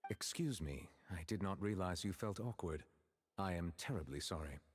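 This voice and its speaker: A man's voice: low voice, expressive, normal speed. A man voicing a dignified, reserved male chief justice in a video game, who speaks with formal courtesy. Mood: courteous, calm. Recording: game audio with faint hiss and long reverb.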